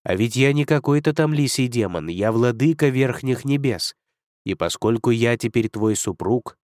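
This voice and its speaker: A man's voice: mid-range voice, expressive, moderate pace, a little mellow, dry recording, studio quality, lightly acted. A man reading an audiobook, voicing a proud male dragon lord who speaks coldly and curtly. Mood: stern. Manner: cold, curt, commanding.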